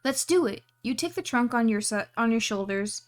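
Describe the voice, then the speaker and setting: A woman's voice: a little high, expressive, normal speed, faint music behind, close to an everyday voice. A woman doing a chirpy, plucky little tailor. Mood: cheeky.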